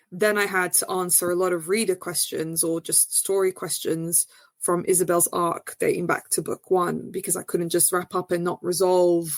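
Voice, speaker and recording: A woman from Portugal, interviewed casually as a guest novelist, talks with vocal fry and a chatty, hesitant manner marked by many fillers and restarts. When answering, her voice rises high and turns animated. No room sound is audible.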